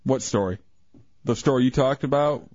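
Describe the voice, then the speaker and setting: Husky-voiced teasing radio co-host. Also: male voice, mid-range voice, normal speed, a little mellow, no echo. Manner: teasing, sarcastic, cracks jokes. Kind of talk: casual talk radio banter. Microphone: studio broadcast mic. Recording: dull lo-fi radio broadcast.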